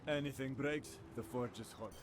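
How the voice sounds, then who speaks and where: A man voicing a blacksmith in a video game, plain-spoken and gruff, quiet and distant in the recording. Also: mid-range voice, normal speed, a little hiss or hum, lightly acted. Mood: businesslike. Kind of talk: video game character dialogue.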